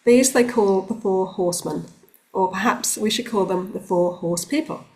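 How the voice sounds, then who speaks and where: A woman working as a relationships coach, giving calm, explanatory advice straight to the camera with the odd um. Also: mid-range voice, moderate pace. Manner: calm, explanatory, with occasional ums. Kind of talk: direct-to-camera advice talk.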